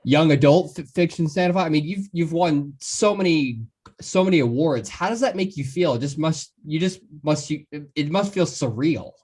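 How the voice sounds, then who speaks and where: A man's voice: fairly high pitch, moderate pace, a little mellow, husky. A man hosting a casual podcast interview, enthusiastic and full of praise, often stumbling and restarting his words.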